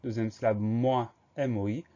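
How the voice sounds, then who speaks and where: A man's voice: mid-range voice, steady tone, normal speed, warm tone, lo-fi sound. A male teacher leading a spelling lesson, carefully spelling words out letter by letter. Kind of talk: dictation lesson.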